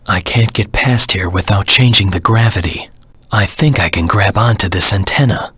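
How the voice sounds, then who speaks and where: Low, husky, brooding Shadow the Hedgehog. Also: male voice, pushed and bright, dry recording, exaggerated voice. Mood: tense, focused. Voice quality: low, husky, gravelly rasp. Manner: grim, terse, dramatic delivery. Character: brooding, vengeful dark anti-hero hedgehog. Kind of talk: video game voice acting.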